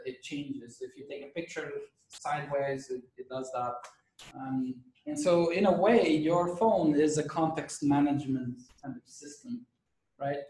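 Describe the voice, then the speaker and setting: A man lecturing a class while losing his voice and clearing his throat, talking conversationally and checking in with his students. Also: a little high, a little mellow. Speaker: university lecturer. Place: lecture room. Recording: echoey room, mic at a distance.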